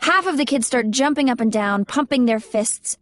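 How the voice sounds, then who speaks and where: A young adult woman reading a first-person audiobook in a measured, expressive storytelling manner. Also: on the high side, dry recording, clean studio sound. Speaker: audiobook narrator.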